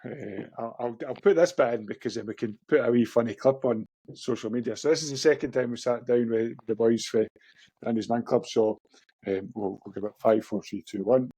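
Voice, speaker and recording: A man's voice: mid-range voice, a little fast, warm tone, husky, no echo. A man with a Scottish accent hosting a podcast in an informal, matey, chatty way. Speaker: podcast host. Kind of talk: casual chat, interviewing.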